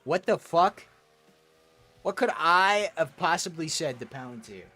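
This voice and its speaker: A man's voice: on the high side, lively intonation, measured pace, sharp tone, soft background music. A young man streaming a kart racing game, reading chat aloud and answering in crude, profane banter. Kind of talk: casual gaming stream chat.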